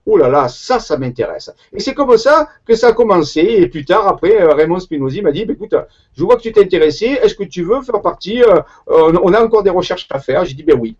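Marseille-accented man, higher voice, muffled. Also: animated, fast. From Marseille, southern France. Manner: hesitant, many fillers and restarts. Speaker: guest researcher. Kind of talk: conversational interview.

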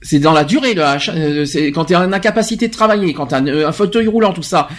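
A man's voice: a little high, expressive, fast. A man hosting a podcast, talking emphatically in a casual chat and often restarting his words. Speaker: podcast host.

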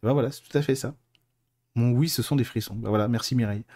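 With a relaxed, mellow, mid-range voice, a man talks fast while hosting a live stream on mediumship and clairvoyance. He answers viewers informally and colloquially, drifting into digressions. His delivery is chatty and unscripted.

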